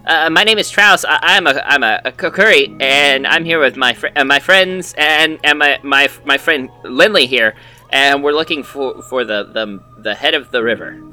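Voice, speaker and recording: A man's voice: mid-range voice, moderate pace, bright, forceful tone, soft background music. A man playing a tabletop game, stammering through his lines with many restarts and laughing often. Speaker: player. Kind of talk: tabletop role-play.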